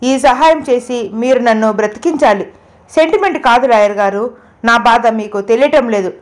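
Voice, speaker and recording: A woman's voice: on the high side, moderate pace, close to an everyday voice. A woman reading the part of a worried older man pleading on the phone for his foster son. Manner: pleading, emphatic.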